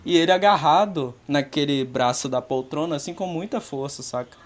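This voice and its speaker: A podcast co-host telling a funny story in an animated, casual way. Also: medium pitch, normal speed.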